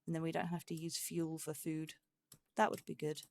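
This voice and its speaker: A low, monotone female voice, creaky and a little mellow, at a normal speed with no echo. She gives casual let's play commentary as a gaming host, chatting, thinking aloud, and speaking to the game animals.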